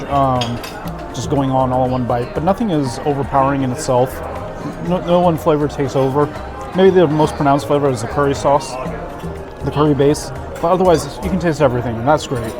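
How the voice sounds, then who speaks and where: A man giving a casual food review to camera, savoring what he eats with delighted approval. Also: a little high. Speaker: food vlogger. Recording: background music and crowd chatter.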